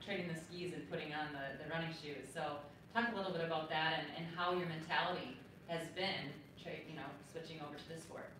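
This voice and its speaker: A woman moderating a panel, asking relaxed, conversational questions. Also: deep voice, fairly quick. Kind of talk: interviewing on a panel. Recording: echoey, distant mic, noisy ambience.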